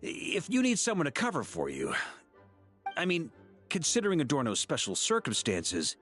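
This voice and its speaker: Animated, exasperated knight commander. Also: male voice, on the high side, moderate pace, soft background music. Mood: paternal, firm. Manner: sighing, paternal, authoritative. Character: exasperated, good-natured veteran knight commander, man. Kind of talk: game voice acting.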